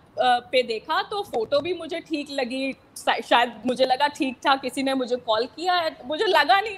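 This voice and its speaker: Young woman, high voice, animated storytelling, acts out quoted callers. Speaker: interviewee recounting a fraud. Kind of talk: casual storytelling interview.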